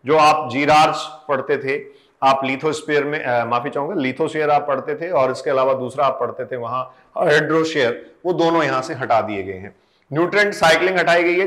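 A male educator, slightly high-pitched, addresses students directly. He works through long lists of textbook topics one by one, lesson style. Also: a bit bright. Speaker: exam coaching educator.

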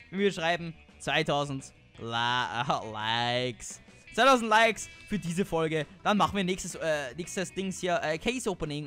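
A man's voice: on the high side, fairly bright tone. Rambling young man narrating his gameplay. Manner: rambling, many fillers and self-talk. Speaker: gaming video host. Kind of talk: casual let's play commentary.

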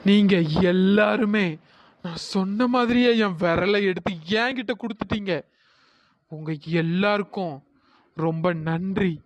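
A performer voicing a ghost woman in a cartoon story, speaking slowly and solemnly. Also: no room sound, dull audio, natural voice. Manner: slow, low and solemn. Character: eerie ghost woman of the bungalow, calm and grateful.

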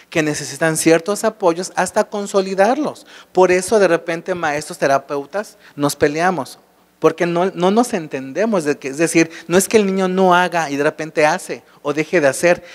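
A man with a fairly high voice for a man and a Mexican Spanish accent talks to a live crowd at a state congress. Rhetorical questions keep coming as he works through his explanations, and a large hall's lingering reverb trails off behind him.

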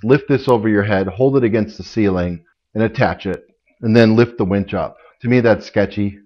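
A man's voice: on the low side, highs cut off. A middle-aged man casually explaining a DIY build in his home garage workshop, practical and plain, with small restarts, recorded by a camera a few steps away. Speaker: DIY channel host.

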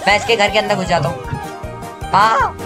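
A young man giving excited gameplay commentary as a gaming YouTuber, repeating words in a rush. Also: high-pitched, rapid-fire. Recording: background music under voice.

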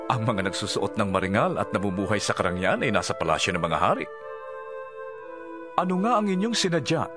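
A man voicing a solemn, measured teacher. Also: on the low side. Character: Jesus, calm authoritative adult male teacher. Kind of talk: audio Bible drama. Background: music.

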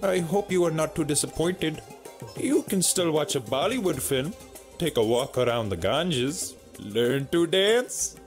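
A fussy, fatalistic computer program in a video game, speaking with an Indian accent. His voice is high and very animated, and he talks with an overdramatic flair. Game music plays underneath. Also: a little slow. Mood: haughty. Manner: overdramatic, repeats doom. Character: fussy male software program, gloomy and fatalistic.

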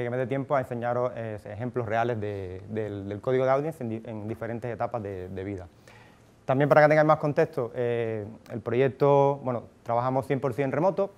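A Cuban man in his thirties with a Cuban Spanish accent gives a casual conference talk to a live audience in a conference room. Holding a handheld mic, he thinks aloud with lots of fillers and restarts. His mid-range voice is a little mellow, with a clean tone.

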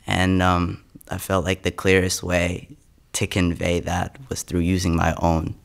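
A young man from the US, working as a spoken word poet, speaks in a low, gravelly monotone without hurrying. The close studio condenser microphone records both his poetry and his interview responses.

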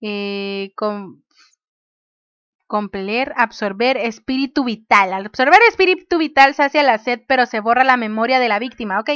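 A woman chats through a life-sim game, reading menu options aloud and laughing along the way. Her voice is high and smooth. It sounds dry and a little dull, as if from a home desktop mic. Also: normal speed, fairly bright tone, no echo. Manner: chatty, reads game menus aloud, laughs often. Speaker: gaming youtuber. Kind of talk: casual let's play commentary.

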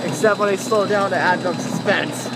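Amateur ride vlogger, mid-pitched and exclamatory, casual commentary filmed on board with heavy wind and rattle. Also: normal speed. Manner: exclamatory, whooping. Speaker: rider filming a roller coaster ride. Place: outdoors on a moving roller coaster. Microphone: handheld phone or camera.

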